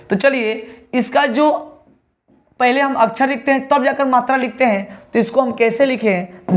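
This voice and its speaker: A male teacher giving an online exam-prep lesson, spelling words letter by letter and answering his own questions. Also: very high-pitched. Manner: asks questions then answers them himself.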